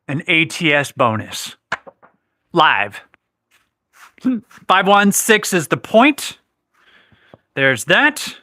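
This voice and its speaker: A man hosts a live craps stream in a bright, slightly high voice, recorded dry and close. He chats casually, reads viewer questions aloud and corrects himself as he goes. He has the hiccups. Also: no room sound. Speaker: livestream host.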